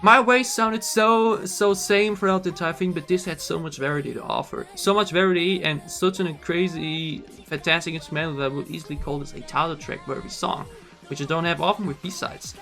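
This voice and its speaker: Excitable bright-voiced man reacting to music. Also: fairly high pitch, a little fast. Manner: enthusiastic, emphatic, says "y'all" and "freaking" often. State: losing his voice.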